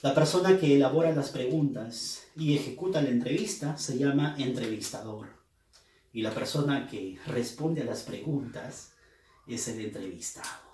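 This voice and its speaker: A man's voice: medium pitch, moderate pace, dark tone, a little hiss or hum. Man teaching in an echoey room. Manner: patient, explanatory, repeats key terms. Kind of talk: recorded review lesson. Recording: roomy echo, mic at a distance.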